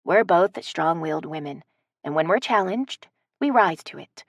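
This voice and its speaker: A woman's voice: on the low side, lively intonation, moderate pace, no room sound, studio quality. A woman voicing a stubborn, strong-willed woman who teases and refuses to back down. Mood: defiant. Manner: teasing, defiant.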